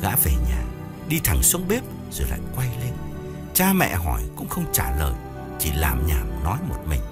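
A man narrating a ghost story audiobook in an expressive, dramatic way, with soft music behind. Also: extremely low pitch, moderate pace.

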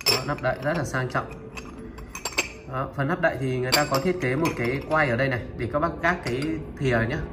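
A man presenting used Japanese goods for sale, item by item, in a steady and repetitive way. He talks to viewers familiarly and fills his pauses with filler sounds. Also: medium pitch, background noise. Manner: steady, repetitive, opens nearly every line with a pointing word. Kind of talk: product showcase sales talk.

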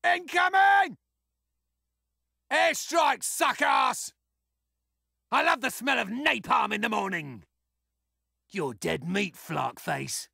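Rocket Raccoon, high, gravelly raccoon. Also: male voice, lively intonation, slow, long pauses, bright, forceful tone, no echo, shouting, clean studio sound, full character voice. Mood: fierce shouting. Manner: brash, sarcastic, taunting. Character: cocky, foul-mouthed, scrappy male raccoon space soldier. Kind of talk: video game fighting barks and taunts.

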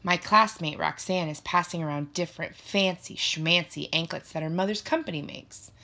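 A woman narrating a first-person children's story in an expressive, playful way. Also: fairly low pitch, moderate pace. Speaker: audiobook narrator.

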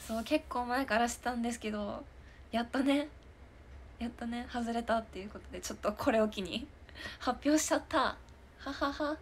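A young woman in her twenties, an idol, hosts a live stream talk show, chatting casually and answering viewer comments. Her voice is on the high side at a moderate pace, with slight background noise. She's giggly and chatty, laughing often.

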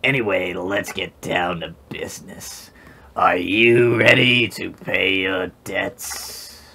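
A man voicing a grandiose, scheming dentist villain from a video game, speaking slowly with theatrical menace. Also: fairly low pitch, bright, forceful tone, full character voice. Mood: hushed menace. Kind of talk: video game dialogue read aloud.

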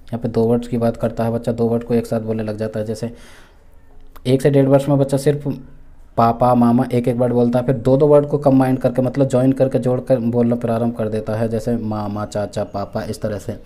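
A man from India delivers an exam-prep lecture in a deep, mellow and very dark voice. His pitch stays flat and even as he works through each point. He restates every term twice and fills the gaps with restarts. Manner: repeats each point with Hindi and English terms; many fillers and restarts, measured explaining. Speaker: teacher for exam preparation.

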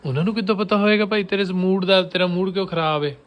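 A man's voice: sits high, fast talker. A man with a Punjabi accent and a cold, chatting casually as a family vlogger in a teasing, questioning manner. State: has a cold. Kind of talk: casual chat to camera and to a child.

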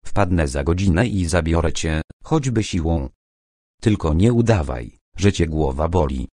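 A bossy, lively young woman from an audiobook, read by a man in his own deep voice. She talks in a brisk, insistent, chatty way, slow and unhurried in delivery. The sound is dry and close. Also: no echo.

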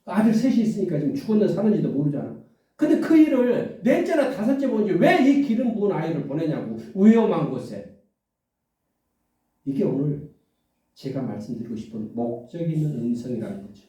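A male pastor preaching a sermon with lively delivery, often asking the congregation questions and acting out biblical voices. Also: on the high side, a little fast. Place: church sanctuary. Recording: echoey church hall from far off.

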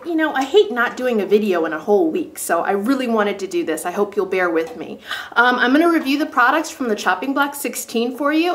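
Sitting indoors in her sunny home sunroom, a woman in her thirties records a casual beauty product review for her vlog, speaking toward a tripod-mounted camera. Her medium-pitched voice is stuffy from a cold, and she stays lively, often poking fun at herself.

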